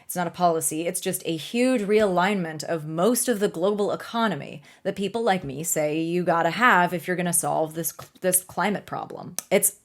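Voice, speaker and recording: A young woman talks through climate news in a casual vlog. Her voice sits a little low, and she speaks in a chatty, sarcastic way full of fillers and quick asides. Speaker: climate video creator. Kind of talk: casual explanatory vlog talk.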